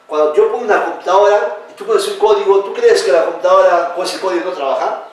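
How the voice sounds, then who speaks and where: A man lectures a class in an animated, questioning way, his voice a little high for a man. He sounds set back from the mic in a very echoey classroom. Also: fast talker. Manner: animated, questioning, addresses students as "hijo". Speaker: teacher. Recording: echoey room, speaker far from the mic.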